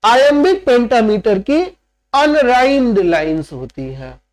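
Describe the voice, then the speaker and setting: A male literature teacher with a strikingly high voice delivers a classroom lecture. He explains each point step by step and mixes English terms into his explanations. He keeps pausing to check that his students are following. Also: sing-song, a little mellow. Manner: explains step by step, often checks understanding with "right?".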